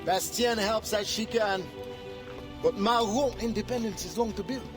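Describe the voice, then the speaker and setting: In a video game cutscene with music behind, an actor voices the earnest, resolute leader of a community of freed slaves, weighing his words and dropping French Creole proverbs. His voice sits high with a steady tone, normal speed, and a natural sound.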